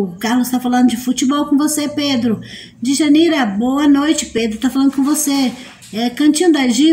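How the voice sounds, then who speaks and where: Woman, high voice, live stream host, reads chat comments aloud, playful teasing. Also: a little mellow, slight background noise. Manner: reads out viewer comments and greets viewers by name.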